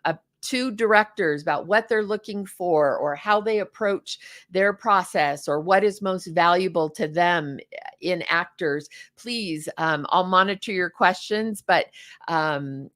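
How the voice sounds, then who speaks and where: A woman's voice: lowish voice, fairly bright tone, dry recording. Chatty woman host, dry close sound. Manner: chatty, effusive, many fillers. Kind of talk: casual online show hosting.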